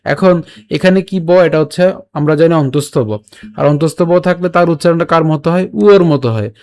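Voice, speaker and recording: A man gives an online recitation lesson, his voice sitting somewhat high. He breaks words into syllables and repeats them slowly, checking often that the class is following. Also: darkish tone. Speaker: Sanskrit recitation teacher.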